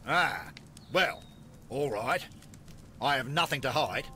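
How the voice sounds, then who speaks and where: A man's voice: medium pitch, expressive, slow pace, pushed and bright, a little hiss or hum, heavily acted. An actor playing a pompous, self-important male businessman and inventor in a video game.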